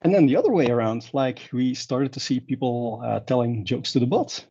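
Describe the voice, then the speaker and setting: Speaking at a normal pace, this conference presenter has a husky, dark, mid-range voice. He's from Belgium, a native Dutch speaker, and meanders with lots of fillers and false starts. Sound quality is dull and lo-fi.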